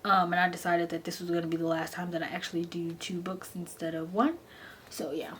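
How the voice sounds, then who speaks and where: A woman on the low side, with fairly even intonation, talks a little fast while giving an excited, informal book review. She keeps repeating words to stress them, and background noise is noticeable.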